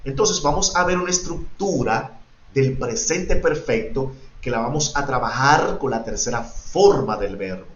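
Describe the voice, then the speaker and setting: A man's voice: medium pitch, expressive, a little slow, a little hiss or hum. A male English teacher explaining grammar to his students, switching between Spanish explanations and English examples and repeating points for emphasis. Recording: echoey, dull lo-fi room recording.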